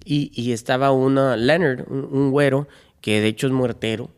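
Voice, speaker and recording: A man from Chicago sits in as a guest and spins a long family story in a loose, rambling way. His speech is salted with swearing, and he slips into other people's voices when he quotes them. His pitch is ordinary for a man. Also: fairly even intonation, moderate pace, smooth. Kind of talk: casual storytelling chat.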